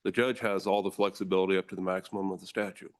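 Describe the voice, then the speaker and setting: Speaking fast in a deep, steady voice, an American man who serves as a district attorney delivers formal, forceful testimony before a legislative committee. He addresses the room as "ladies and gentlemen."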